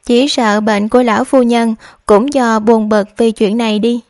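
Sly young maidservant, read by a woman: feigned concern, hushed and pleading. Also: fairly high pitch, steady tone, normal speed, no echo, studio quality, lightly acted. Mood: worried pleading.

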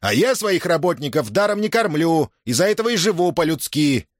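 A man's voice: a little high, sing-song, a little fast, no room sound, studio quality, voice pushed up. A man reading a novel aloud, voicing a bullying grown cossack farmer who barks orders. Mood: angry. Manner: mock-tender coaxing turning to barking orders.

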